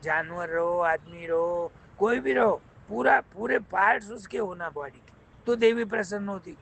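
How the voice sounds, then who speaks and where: A man voicing a wise, calm prime minister in a told folk tale, patiently explaining a lesson. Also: sits high, a little slow, creaky, slightly rough, heavily acted, poor audio.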